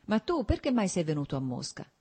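An agitated young nobleman in love, voiced by a woman reading aloud, speaking in an earnest, urgent, pleading way. The voice stays low and mellow, with a faint huskiness. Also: sing-song, a little fast, breathy edge, heavily acted.

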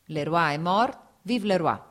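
An earnest, brooding landowner arguing his case in a storybook reading, as a woman reads him in her own slightly low voice. He presses his point steadily, without theatrics. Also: animated, a little slow, fairly bright tone. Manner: earnest, argumentative.

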